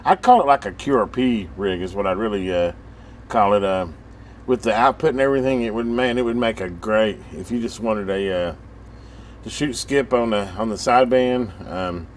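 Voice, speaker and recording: With a fairly low voice at a moderate pace, a U.S. radio hobbyist chats casually on his channel while working hands-on at a bench of radio gear. His talk is folksy and rambling as he thinks aloud, and a steady background noise is present.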